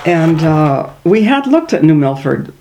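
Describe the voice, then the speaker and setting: A woman's voice: deep voice, very animated, a little slow, mellow, a little hiss or hum, rough recording. An older woman from northern Minnesota with a Minnesota accent, telling stories in an oral history interview, chatty and laughing between them.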